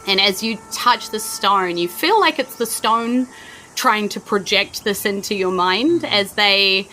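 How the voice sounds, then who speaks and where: Speaking at medium pitch and a little slowly, this New Zealand woman sounds pushed and bright on a low-quality recording with a little hiss or hum. As game master of a tabletop game, she describes scenes vividly and searchingly, leaning heavily on "like" and "you know."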